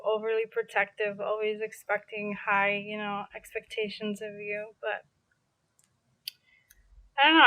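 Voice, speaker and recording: A young adult woman from New York City, her voice a little high, talks casually as a podcast guest in an interview, chatty and full of "like" fillers and restarts. The recording is dry, with narrow, tinny audio.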